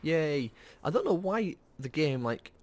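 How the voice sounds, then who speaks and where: A man's voice: on the high side, sing-song, unhurried, a little mellow. A man hosting a gaming video with casual, off-the-cuff gameplay commentary. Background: game sounds.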